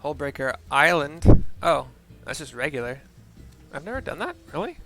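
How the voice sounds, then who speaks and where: A man narrates his playthrough of a video game, reading out the story and muttering asides while music plays behind him. He speaks at a moderate pace in a slightly high, sing-song, pushed and bright voice, spelling out names.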